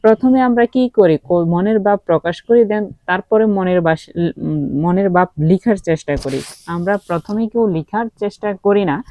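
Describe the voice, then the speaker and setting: With a medium-pitched, dark voice at normal speed, a woman from Comilla, Bangladesh, leads a grammar lesson where she asks and then answers her own questions, filling gaps with many fillers. There is no room sound.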